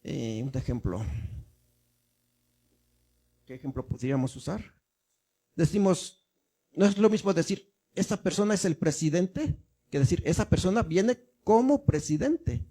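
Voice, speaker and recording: A man's voice: fairly high pitch, very animated, unhurried, long pauses, warm tone, slightly rough. A male minister giving a teaching sermon, explaining step by step and often asking the congregation if they follow. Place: church.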